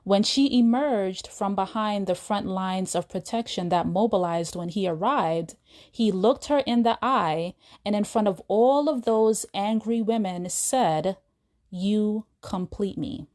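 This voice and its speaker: A woman retells a film scene on her own podcast, keeping the monologue casual and chatty with asides aimed at listeners. Her voice is medium-pitched with a darkish tone, and she speaks a little slowly.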